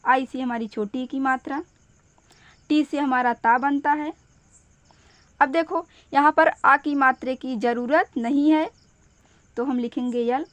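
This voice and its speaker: Slow, high-voiced woman teaching spelling. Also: steady tone, no echo. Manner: patient, repeats each step slowly. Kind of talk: step-by-step spelling lesson.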